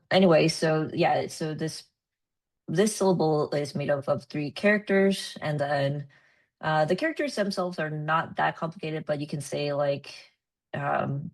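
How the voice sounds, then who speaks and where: A woman presenting at a research meeting, explaining with many ums and pauses. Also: deep voice, gravelly. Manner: hesitant, many ums and uhs.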